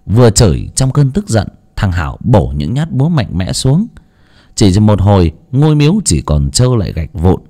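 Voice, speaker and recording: A man narrating a ghost story with an expressive, dramatic reading. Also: lowish voice, moderate pace. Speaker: audiobook narrator.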